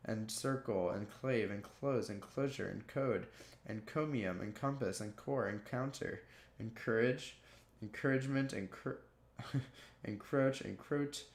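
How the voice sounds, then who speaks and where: A video creator with a lowish, slightly slow voice reads dictionary entries aloud one word at a time. He stumbles often and keeps starting over, and the room has a noticeable echo.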